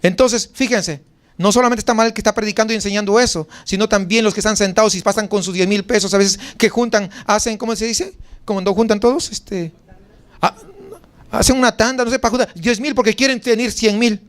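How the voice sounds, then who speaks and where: A pastor with a Mexican Spanish accent delivers a sermon in a notably high voice. He talks conversationally, firing off rhetorical questions and rising sharply for emphasis. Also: steady tone, brisk.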